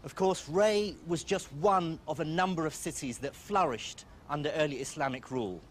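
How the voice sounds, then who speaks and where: A middle-aged man from Iraq, presenting a documentary in a measured, storytelling narration. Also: fairly high pitch, slight background noise. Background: music.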